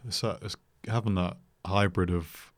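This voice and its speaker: A young British man chatting as a podcast guest, dry and joking in a deadpan way. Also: low-pitched, normal speed, no echo. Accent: British English. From Britain. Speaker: podcast guest, creative director. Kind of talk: casual chat.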